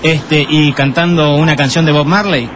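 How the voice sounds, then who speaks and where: A man's voice: fairly high pitch, fairly even intonation, moderate pace, a bit bright, a little hiss or hum. An Argentine man with an Argentine accent, a radio street reporter asking casual, joking questions.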